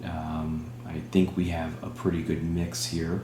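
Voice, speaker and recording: A man hosting a spirit box session, speaking in halting short phrases and putting questions to a spirit. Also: rumbling low, flat delivery. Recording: roomy echo with humming background noise.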